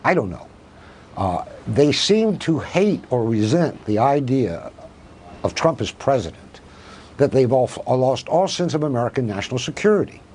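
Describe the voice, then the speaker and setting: A man's voice: mid-range voice, big pitch swings, moderate pace, darkish tone, slight background noise. A man, a professor and guest on a televised news interview, arguing emphatically and asking rhetorical questions. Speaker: professor of Russian studies, guest.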